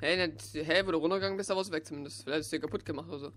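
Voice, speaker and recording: A young man chatting casually while playing a video game with a friend, excitable and quick to swear and yelp. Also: on the high side. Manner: excitable, swears and yelps often. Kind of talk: casual let's-play chat.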